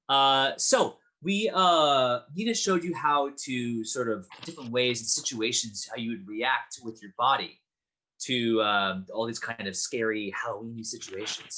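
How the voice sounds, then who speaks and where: Lively animated male acting teacher. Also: mid-range voice. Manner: upbeat, explains with many fillers and restarts.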